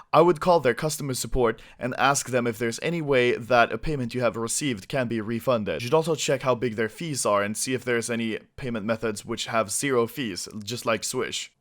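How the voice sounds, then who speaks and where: Young man explaining casually. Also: mid-range voice. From Sweden. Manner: relaxed, chatty, explaining step by step. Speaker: gaming YouTuber. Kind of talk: casual tutorial.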